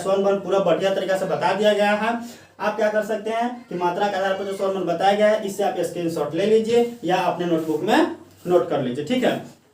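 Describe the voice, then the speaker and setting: A male teacher giving a grammar lesson, who asks questions and answers them himself and dictates slowly word by word. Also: high voice, a little mellow. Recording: echoey room, mic at a distance.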